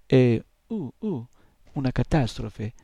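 A man's voice: medium pitch, very animated, takes it slowly, gravelly, warm tone, husky, no room sound, exaggerated voice. A man voicing a whiny little male nightmare imp that whimpers and stammers in a storybook reading. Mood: alarmed.

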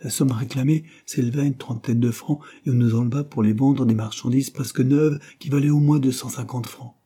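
A man reading aloud voices a calm, kindly older woman who speaks in a soothing, measured way. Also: mid-range voice, husky, voice pushed up, close to an everyday voice.

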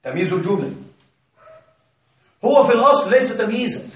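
A man with a fairly high voice leads a grammar lesson, putting questions to his students and spelling out each example slowly. He is recorded from some distance away, in a classroom with heavy echo. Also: very animated. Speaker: Arabic grammar teacher. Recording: echoey classroom from far off.

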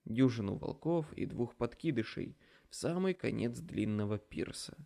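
A man's voice: mid-range voice, animated, moderate pace, vocal fry, mellow. A man reading a first-person fantasy audiobook with dramatic storytelling. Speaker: audiobook narrator.

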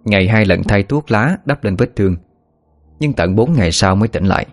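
A man narrating a story at a steady, even pace. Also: fairly low pitch, brisk. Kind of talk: scripted narration. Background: faint music.

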